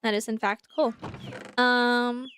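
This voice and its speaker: Her voice is on the high side, slow, level, and a bit bright, with a faint hiss or hum. Live-streaming a game, she rambles casually to her viewers and to the in-game animals, a little nasal from stuffy sinuses, speaking into a desk mic at her computer.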